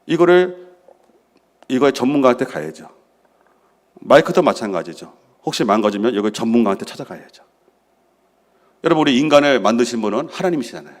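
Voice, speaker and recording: A man's voice: mid-range voice, big pitch swings, brisk, long pauses. A middle-aged man preaching a sermon as senior pastor, asking the congregation questions and answering them himself. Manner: drops to a soft hush for prayers he acts out.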